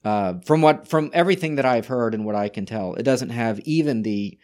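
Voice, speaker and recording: A man's voice: mid-range voice, lively intonation, a little fast, darkish tone. Man talking history with restarts. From Czech Republic. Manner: reads from sources with frequent restarts. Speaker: podcast co-host. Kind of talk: casual history discussion.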